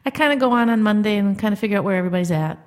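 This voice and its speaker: A woman's voice: mid-range voice, very fast. Chatty woman podcast co-host. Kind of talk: casual chat.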